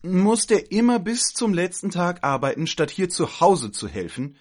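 A man putting on a shrill scolding aunt. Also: expressive, unhurried. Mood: shrill alarm. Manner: indignant, scolding, fussy. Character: shrill bossy scolding middle-aged aunt, female.

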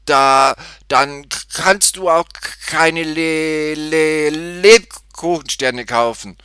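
A man's voice: fairly high pitch, drawn-out words, bright, forceful tone, clear, resonant tone, no echo, pitched above the performer's own voice, full character voice. A man voicing a nervous young male cashier who stutters and blurts out words, in a storybook reading.

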